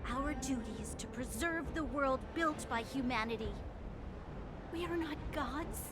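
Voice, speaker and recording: A woman's voice: high-pitched, measured pace. A woman playing an earnest, defiant young noblewoman in a dramatic video game scene. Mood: solemn defiance. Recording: loud game music underneath. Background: dramatic game music.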